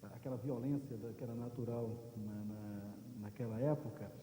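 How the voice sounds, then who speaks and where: A man with a mid-range, dark and mellow voice asks an interviewer's questions, pausing on fillers and ending with tag questions. The room is echoey, and a long reverb hangs after each phrase. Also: medium pitch, steady tone, a little hiss or hum.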